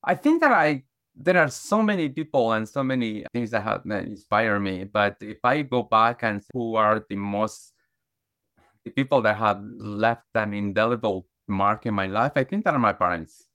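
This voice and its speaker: A middle-aged Guatemalan man appears as a podcast guest, earnestly telling his life story in conversational fashion with many restarts and fillers. His voice is on the low side, animated, fairly bright and at normal speed, captured in clean studio sound with no echo.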